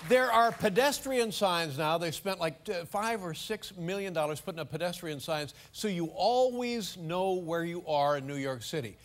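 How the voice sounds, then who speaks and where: A man in his sixties, a late-night host delivering a comedy monologue with wry, loud punchlines on a live stage. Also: high-pitched, lively intonation, normal speed, hardly any pauses. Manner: wry joke-telling, loud bursts on punchlines. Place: theater stage before studio audience. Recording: live stage with crowd noise.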